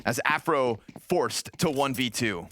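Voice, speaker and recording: A man's voice: mid-range voice, a bit bright, slight background noise. A man casting a competitive video game match, calling the action and joking with his co-caster between plays. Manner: joking, quick banter between calls. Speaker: esports caster. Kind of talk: play-by-play commentary.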